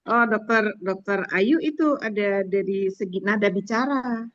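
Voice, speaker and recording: A woman moderating a casual group discussion and checking who has spoken, brisk and chatty. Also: mid-range voice, a bit bright. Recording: dull lo-fi audio.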